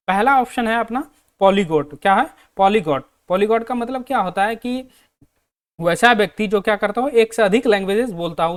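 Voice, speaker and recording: Indian man teaching, asks and answers himself. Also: high voice. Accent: Hindi. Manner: repeats questions to students and answers them himself; reads English sentences out slowly. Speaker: English teacher. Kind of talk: exam-prep lesson.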